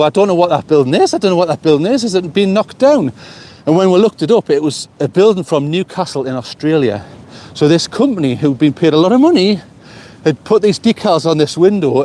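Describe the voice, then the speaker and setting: Walking a seaside pier, this vlogger from England's North East talks to his livestream audience in a chatty, meandering style, often repeating himself mid-thought. His voice sits on the high side with a darkish tone, and the phone's small mic adds a faint hiss.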